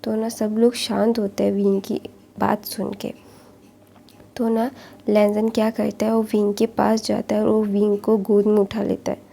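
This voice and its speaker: A woman's voice: mid-range voice, level tone, moderate pace, vocal fry, mellow. A woman casually retelling a fan fiction story aloud in a chatty, loose style full of filler words.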